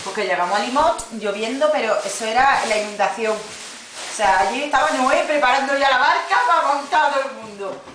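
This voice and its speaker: Indignant flight attendant, far off. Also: female voice, sits high, fairly quick, fairly bright tone, slight background noise. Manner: indignant, swearing, acts out quoted dialogue. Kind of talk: casual chat, telling a story. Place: home, indoors. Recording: echoey room, far from camera, clattering dishes.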